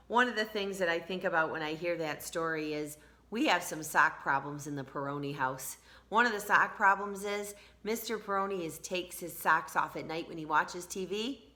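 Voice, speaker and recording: A woman teacher with a lowish voice reads to children from a storybook. She's expressive, speaks to them directly, and drags out words to emphasize them.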